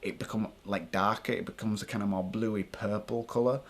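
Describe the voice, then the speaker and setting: A man's voice: lowish voice, steady tone, fairly quick. A British man talking casually and informally to viewers as a paranormal vlogger, thinking aloud as he explains.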